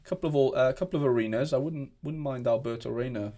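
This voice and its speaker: The young Welshman on this livestream rambles at his home desk, frequently restarting as he handles viewer comments. He talks fast, with a medium pitch and a dark tone.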